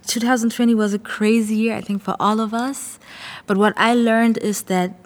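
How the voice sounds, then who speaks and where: A woman's voice: fairly high pitch, fairly even intonation, normal speed, long reverb tail. A young woman from Germany, a singer, speaking, answering interview questions in an earnest, thoughtful way as she searches for words. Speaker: singer and songwriter.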